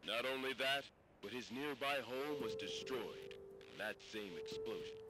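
A formal radio news announcer, played by a man, reading a bulletin in a measured, dramatic way at a middle pitch. Music plays behind him. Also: lightly acted, poor audio.

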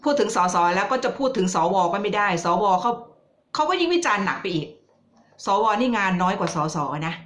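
A woman's voice: mid-range voice, animated, brisk. A woman vlogger giving casual political commentary, chatty and teasing as she addresses her viewers directly.

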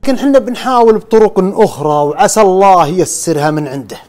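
A man's voice: high voice, animated, fast talker, a little mellow. A man with a Saudi accent narrating a true story, relaying another man's account and repeating "he says" as he goes. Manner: keeps repeating "he says" while retelling a friend's account.

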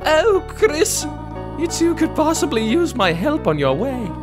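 A gentle, motherly goat queen from a game , put on by a man, speaks in a stately, formal way. Her voice glides high and low. Game music plays behind her. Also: big pitch swings, measured pace, full character voice. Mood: kindly.

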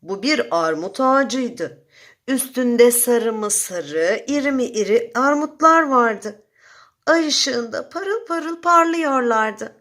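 Slow, expressive woman storyteller. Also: a little high. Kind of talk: children's story narration.

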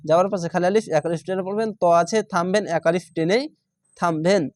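A fast-talking man with a high-pitched, darkish voice patiently walks learners through Quran reading letter by letter and syllable by syllable. Methodical throughout, he repeats syllables and draws out the long vowels. The sound is dry and clean, studio-recorded.

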